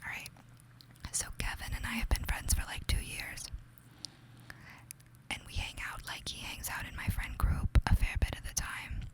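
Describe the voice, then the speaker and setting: A woman's voice: moderate pace, rough recording. A young woman with a New York accent telling a gossipy, casual ASMR story in a whisper, confiding and chatty, often saying "like". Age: young adult. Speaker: ASMR creator.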